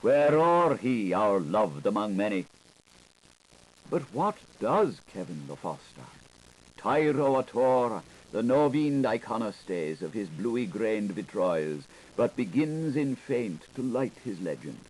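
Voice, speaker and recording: This fairly low, husky male voice has a darkish tone and big pitch swings, and he takes his time. He narrates a literary audiobook from a script in a dramatic, playful manner, moving his emphasis around, captured roughly on hissy old 1980s tape.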